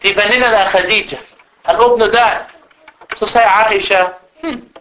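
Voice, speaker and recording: Animated preacher guy, high voice, keeps dropping in arabic recitation. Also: a little hiss or hum, rough recording. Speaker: Islamic preacher. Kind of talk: sermon.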